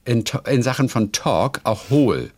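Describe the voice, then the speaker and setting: A man's voice: medium pitch, expressive, unhurried, darkish tone. A German-speaking man co-hosting a casual chat, reading aloud and looking up words. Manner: reads aloud and looks up words. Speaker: podcast co-host.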